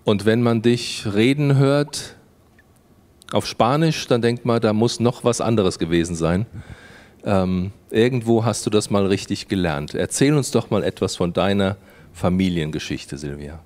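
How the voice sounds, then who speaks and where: Lower-voiced man hosting, chatty. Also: unhurried, darkish tone. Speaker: host. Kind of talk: interviewing a guest.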